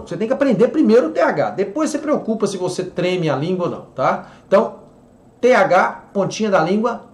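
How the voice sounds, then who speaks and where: A Brazilian man teaching English pronunciation in an online lesson, explaining and repeating words slowly for drilling. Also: high-pitched, reverberant.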